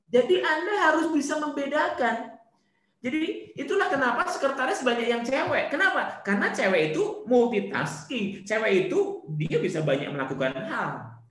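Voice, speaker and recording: Animated man giving an online religious talk. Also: extremely high pitch, moderate pace, reverberant. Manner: animated, rhetorical questions and playful asides. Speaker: Islamic study speaker. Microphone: video call.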